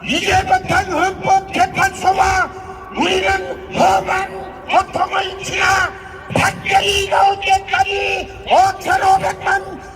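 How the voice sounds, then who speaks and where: A man giving a fervent political rally speech, shouting shrill, propaganda-style exhortations. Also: monotone, slow pace, vocal fry. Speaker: rally speaker. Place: large rally, amplified by loudspeakers. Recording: distant PA, loud music and crowd.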